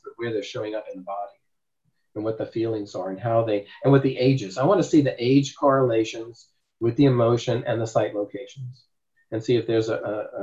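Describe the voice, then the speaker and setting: A therapist with a lowish, mellow voice gives an informal class to a group, speaking emphatically and rambling while often asking rhetorical questions. The recording is dull and lo-fi.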